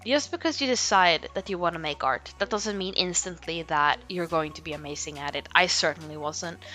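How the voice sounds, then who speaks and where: A young Swedish woman whose first language is Swedish talks casually to camera as an art vlogger, rambling about art. She uses "like" often and laughs at herself in asides. Her voice sits low yet sounds bright and tense, recorded on a home microphone with background music playing underneath.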